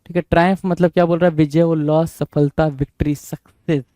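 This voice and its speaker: A man with a slightly high, dark-toned voice speaks fairly quickly in a flat delivery, recorded with no echo. He's leading an exam-prep vocabulary lesson, frequently spelling words out letter by letter, repeating them, and checking in with his listeners.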